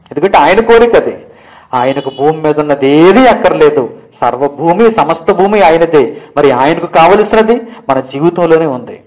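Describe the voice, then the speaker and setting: A man's voice: high voice, low-quality recording. A man teaching a Bible lesson, preaching with rising emphasis and firing off rhetorical questions. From India.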